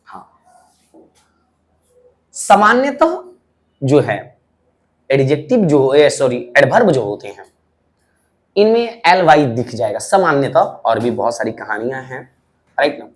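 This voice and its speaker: Man, English teacher, lively up-and-down voice, checking questions, classroom lecture. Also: mid-range voice, measured pace, pauses often. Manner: lively explaining, asks frequent checking questions.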